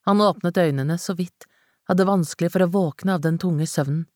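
A woman with a fairly low voice reads a novel aloud in a measured, dramatic way. The recording is close and dry, with no room sound. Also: a little mellow, no echo. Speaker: audiobook narrator. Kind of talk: scripted narration.

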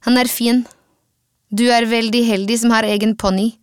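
A woman narrator voicing an awkward young female stable hand from Latvia, speaking Norwegian with a Latvian accent in blunt, halting sentences. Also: fairly high pitch, little pitch movement, clear, resonant tone, dry recording, lightly acted.

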